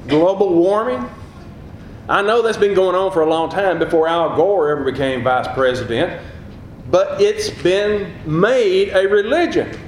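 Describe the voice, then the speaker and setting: A man's voice: high voice, measured pace, echoey room, a little hiss or hum, rough recording. A middle-aged man preaching a sermon, rising in emphasis on key phrases. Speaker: pastor.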